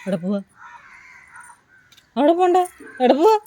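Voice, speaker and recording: A woman's voice: sits high, big pitch swings, measured pace, mellow. A mother talking to her baby at home in coaxing, sing-song baby talk.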